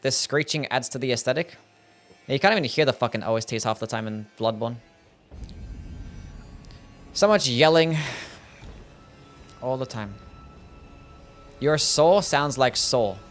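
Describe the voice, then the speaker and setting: A man's voice: mid-range voice, normal speed, pauses often, a bit bright. Australian man, young, casual gaming stream, sarcastic, swearing, faint music behind. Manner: sarcastic, swears a lot, reads chat aloud.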